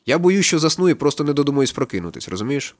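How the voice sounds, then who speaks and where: A male reader plays a boozy, fretful friend who muses aloud in a drawl. The delivery is brisk overall, dry and close with no room sound. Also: a little high, very animated, no echo. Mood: uneasy. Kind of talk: audiobook character reading.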